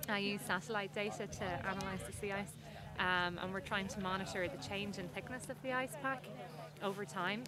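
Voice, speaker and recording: A woman's voice: mid-range voice, fairly even intonation, fairly quick, a crowd in the background. A young woman researcher speaking in an interview with enthusiasm and easy laughter. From Ireland. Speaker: sea ice researcher.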